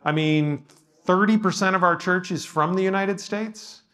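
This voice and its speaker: Speaking to a live audience as a pastor running a workshop discussion, a man keeps a casual, modest tone and often says um or starts over. His high-sitting voice is fairly bright and unhurried.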